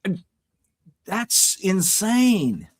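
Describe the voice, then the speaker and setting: A man's voice: high voice, sing-song, very slow, dry recording. A man co-hosting a podcast, talking politics earnestly in a casual way and often repeating words as he searches for them. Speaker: podcast co-host.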